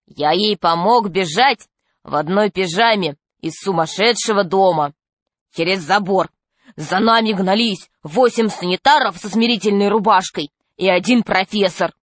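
A woman's voice: mid-range voice, measured pace, dry recording, natural voice. Boastful eager schoolboy voiced by a woman, insistent, storybook, dry sound. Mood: eager boasting.

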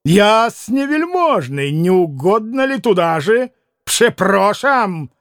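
A man reading an impulsive young nobleman who speaks excitedly, half shouting and breathless. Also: on the high side, a little slow, no echo, studio quality. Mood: fired up.

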